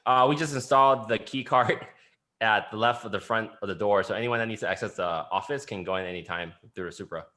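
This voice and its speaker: A man chatting casually on a team video call, laid-back and a bit halting. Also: lowish voice, bright, forceful tone. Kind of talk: casual group meeting chat.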